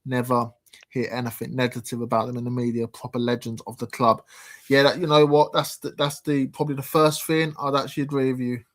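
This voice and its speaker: A man's voice: mid-range voice, flat delivery, brisk. A man, hosting a casual football livestream, reading chat comments aloud with a lot of hesitant ums. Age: 30s. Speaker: livestream host.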